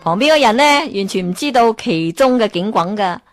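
Speaking at a middle pitch with a Hong Kong Cantonese accent, a female storyteller tells an old folk tale briskly and with lively energy, often turning to the listener with questions. Gentle music plays softly in the background.

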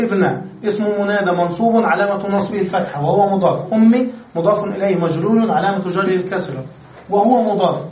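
High-voiced man teaching grammar, echoey. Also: a little mellow, recorded from a distance. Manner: explanatory, asks questions and answers them. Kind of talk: classroom grammar lesson.

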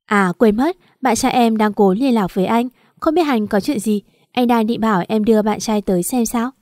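A woman's voice: a little high, moderate pace, darkish tone, no echo, studio quality, close to an everyday voice. A woman reading a sneering, cruel married man. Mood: mocking. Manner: sneering, taunting. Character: married city man, mocking, cruel, arrogant.

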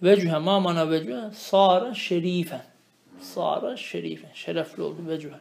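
A man teaching a traditional grammar lesson. He reads Arabic phrases slowly, explains them, and keeps asking the student questions. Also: fairly high pitch, gravelly, a little mellow, echoey room. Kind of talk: traditional religious lesson, explaining a text line by line.

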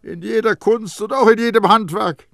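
A man voicing a stern, blustering elderly master perfumer who scolds and mocks loudly, in an audiobook. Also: high voice, moderate pace, vocal fry, no echo, studio quality, pitched above the performer's own voice. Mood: mocking. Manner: loud, scolding and mocking. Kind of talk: audiobook character voice.

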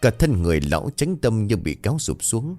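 A man reading a horror story aloud in a dramatic, expressive narration. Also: lowish voice, brisk, faint music behind.

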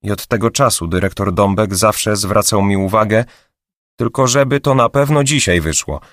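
A man's voice: lowish voice, moderate pace, no echo, clean studio sound, lightly acted. A man voicing a chatty, anxious young female receptionist who gossips with a raised voice, for an audiobook. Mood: aggrieved. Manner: raised gossipy voice, later hushed whispering.

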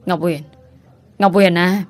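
A woman's voice: lowish voice, fairly even intonation, slow pace. A woman voicing a distraught middle-aged mother who wails reproaches at her daughter. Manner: wailing reproach.

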